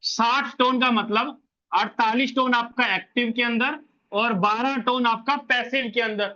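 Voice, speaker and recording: Male presenter with a sharp, bright tone and muffled sound, walking through a referral plan and repeating points. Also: very high-pitched, steady tone, unhurried. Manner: repetitive, asks and answers own questions. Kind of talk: explaining a referral income plan. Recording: dull lo-fi audio.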